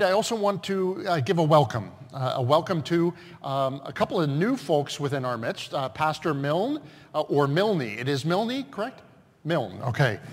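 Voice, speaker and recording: A man pastor leading a church service, giving announcements with many fillers and measured prayers in a sanctuary. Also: fairly high pitch. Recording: long church reverb.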